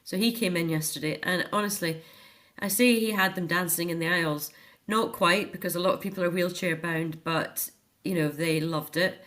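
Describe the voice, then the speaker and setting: A middle-aged Scottish woman, her voice on the low side with a fairly bright tone, chats earnestly and shares anecdotes as a guest on an informal radio interview. She is an author who volunteers or works running activities in a care home.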